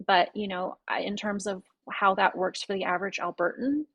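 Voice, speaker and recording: A Canadian woman on a panel, talking in an earnest, conversational way with plenty of fillers and restarts. Her voice sits at an ordinary pitch. The sound is dry and close, with little room around it. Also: steady tone, moderate pace, husky, no echo, muffled recording. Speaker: guest panelist. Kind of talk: casual panel discussion.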